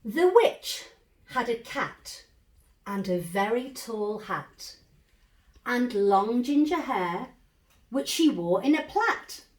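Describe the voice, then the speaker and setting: A woman reading a bedtime story aloud to young children in an animated, measured, dramatic way. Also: fairly high pitch. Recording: roomy echo, distant microphone.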